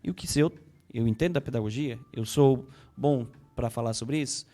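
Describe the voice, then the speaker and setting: A man's voice: medium pitch, brisk, dark tone, faint music behind. A man with a Brazilian Portuguese accent, a psychologist explaining things in an interview, often repeating words as he thinks and acting out inner thoughts. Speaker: psychologist guest. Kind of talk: conversational interview.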